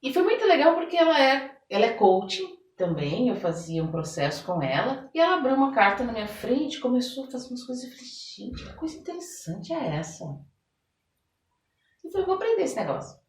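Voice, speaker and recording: Her voice high-pitched and very animated, a Brazilian therapist and oracle card reader talks fairly quickly as a guest on a podcast. The conversational interview is captured by a distant microphone with roomy echo, and she illustrates her explanations with acted-out quotes.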